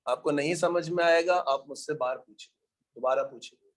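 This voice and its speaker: A man's voice: on the high side, normal speed. A man lecturing an economics class in an informal way, teasing his students and calling them brother and son.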